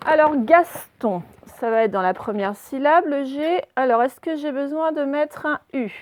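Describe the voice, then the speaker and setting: A woman's voice: high-pitched, unhurried, darkish tone. A woman teacher giving a spelling dictation to young pupils, carefully sounding out each letter and syllable. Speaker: primary school teacher. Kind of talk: dictation lesson for children.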